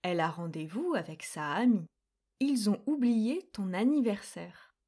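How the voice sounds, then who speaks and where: A young woman runs a grammar quiz lesson at an unhurried pace, spelling out each rule with careful, deliberate clarity. Her pitch sits in an ordinary middle range. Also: lively intonation, mellow. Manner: slow, clear and deliberate explaining. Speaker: French grammar teacher.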